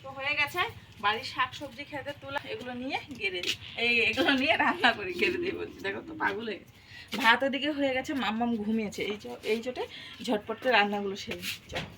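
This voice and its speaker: A woman's voice: a little high, fast talker, a crowd in the background. A young woman from Assam chatting to her viewers in a casual home vlog, explaining as she gardens and cooks. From Assam, India. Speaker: vlogger and homemaker.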